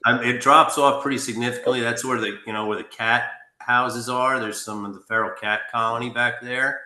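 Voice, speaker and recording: A man's voice: medium pitch, fairly even intonation, normal speed, sharp tone. A man joining a town meeting by video call from an emptied office, his voice echoing as if in an echo chamber, talking in a plainspoken, meandering way. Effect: echoey sound, as if in an echo chamber. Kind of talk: casual meeting discussion. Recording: echoey empty room over a call.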